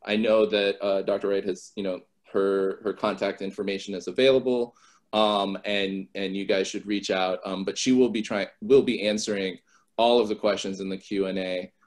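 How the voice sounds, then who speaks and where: A man's voice: lowish voice, steady tone, moderate pace. A man moderating a webinar Q&A over a video call, hesitant and full of fillers. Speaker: seminar moderator. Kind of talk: casual Q&A moderation.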